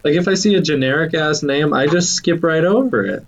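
A man co-hosting a podcast in casual chat, excitable, laughing often and swearing now and then. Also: a little high, brisk. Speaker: podcast co-host.

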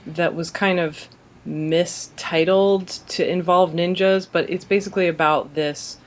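A woman's voice: fairly low pitch, steady tone, measured pace. A woman co-hosting a casual film podcast, talking enthusiastically and laughing as she describes movies. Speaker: podcast co-host. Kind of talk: casual chat about cult films.

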